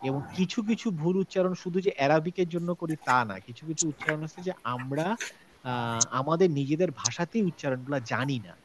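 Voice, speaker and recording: A man's voice: on the high side, moderate pace, noisy background. A man from Bangladesh teaching Quran recitation to an online class, explaining and asking the class questions.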